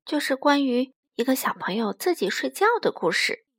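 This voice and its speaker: A woman reading a children's picture book aloud in a gentle, expressive way. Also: high-pitched, moderate pace, breathy edge, no room sound, studio quality. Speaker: storyteller.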